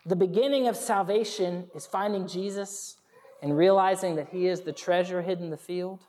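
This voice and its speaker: A woman's voice: on the low side, moderate pace. Preacher woman in a reverberant hall. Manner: earnest, warm storytelling with congregation call-and-response. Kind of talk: sermon.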